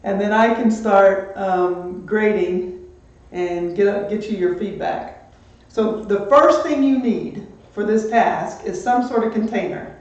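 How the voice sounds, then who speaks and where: On a live stream, a man teaches a math lesson in a chatty, upbeat way, greeting students as they join. His voice sits high and his pace is slow, picked up by a distant, muffled mic in an echoey room.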